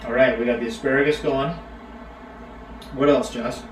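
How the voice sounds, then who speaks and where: Speaking at a normal speed with a medium pitch, a middle-aged man helps run a live cooking stream and casually chats with his kids and viewers, calling them by name. He's laid-back, and the far-off mic makes the audio roomy, with a little noise behind it.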